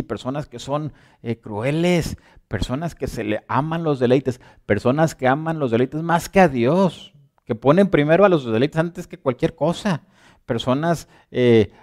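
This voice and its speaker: Male preacher, mid-pitched, chatty sermon delivery with loud and soft swings, keeps checking in with listeners. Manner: conversational, asks listeners for agreement; swings between loud emphasis and quiet asides.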